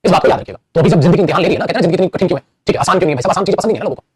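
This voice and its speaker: A man teaching an English grammar class, animated and addressing his students fondly. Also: high voice, rapid-fire, slightly rough, dry recording. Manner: animated, addresses students as beta and bhai, playful acted asides. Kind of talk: classroom lecture.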